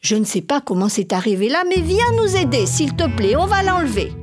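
A woman's voice: high voice, big pitch swings, fairly quick, over music. A woman voicing a fussy old grandfather gardener in a children's story, exclaiming and flustered.

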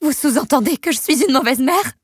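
A woman's voice: high voice, moderate pace, no echo, studio quality, voice pushed up. A woman voicing a haughty, short-tempered wealthy young mother who speaks in a reproachful, accusing way in a storybook reading.

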